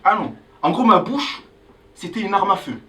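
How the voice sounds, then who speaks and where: A young man from Angola doing a stand-up comedy set on a club stage, loudly hyping the crowd between jokes. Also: high voice, moderate pace, distant mic, poor audio. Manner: animated, hyping the crowd with loud calls. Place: comedy club stage before a live audience.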